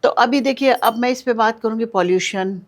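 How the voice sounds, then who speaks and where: A woman's voice: on the high side, moderate pace. A woman guest on a podcast who explains step by step and patiently, repeating key words so listeners can follow. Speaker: guest, switch-word remedy expert.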